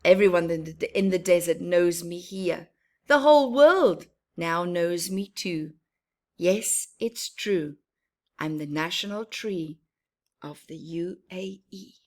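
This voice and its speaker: This time the woman playing the proud, cheerful boy tree uses a lowish, slightly mellow voice at a slow pace. She narrates the storybook in the first person, keeping her phrasing earnest and emphatic.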